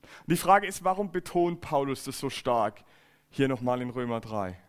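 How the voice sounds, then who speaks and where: A man's voice: medium pitch, expressive, moderate pace, smooth. A man preaching a church sermon, earnest and emphatic, often repeating and restarting phrases. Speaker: pastor. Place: church service.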